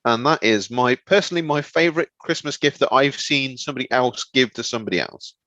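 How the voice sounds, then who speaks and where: A man's voice: mid-range voice, quick pace, bright, forceful tone, dry recording. A man co-hosting a comedy podcast, telling a rambling story and stumbling over words. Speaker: podcast co-host. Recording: slightly dull, lo-fi.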